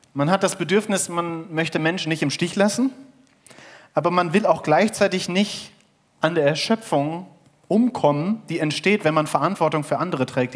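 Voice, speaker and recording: A man preaching a sermon in a conversational way, telling a parable and asking the audience questions. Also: fairly high pitch. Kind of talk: sermon with storytelling.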